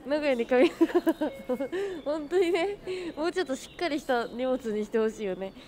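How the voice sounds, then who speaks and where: A woman's voice: high voice, animated, moderate pace, darkish tone. A woman live-streaming outdoors, chatting casually with her viewers and friends and laughing often. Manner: bubbly, greets chat, laughs often. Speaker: livestreamer.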